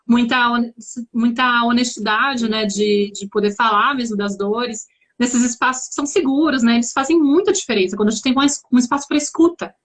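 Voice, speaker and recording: A woman from São Paulo with a São Paulo Brazilian accent, chatting as a guest in a reflective way and often restarting her sentences. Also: on the high side. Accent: São Paulo Brazilian Portuguese. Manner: reflective, searching for words with many restarts. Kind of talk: casual conversation.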